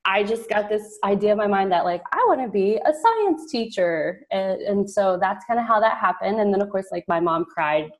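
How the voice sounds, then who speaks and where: A woman from rural southeast Oklahoma, a school intervention facilitator, talking about her career as a guest in a casual podcast interview, chatty and quick to laugh. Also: mid-range voice, expressive. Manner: chatty, laughs often, trails off.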